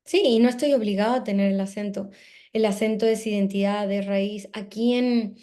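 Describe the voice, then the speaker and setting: A woman's voice: mid-range voice, fairly even intonation, moderate pace, dark tone. A Mexican woman with a Mexican accent, a guest in a casual interview, talking reflectively with many asides and tag questions. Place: in Spain.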